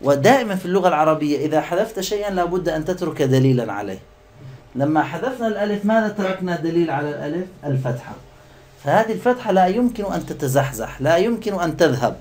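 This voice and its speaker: A man teaching a grammar lesson to a class, patient and explanatory, who keeps quizzing his students and stretches out example words slowly. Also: fairly high pitch, expressive, darkish tone, a little hiss or hum.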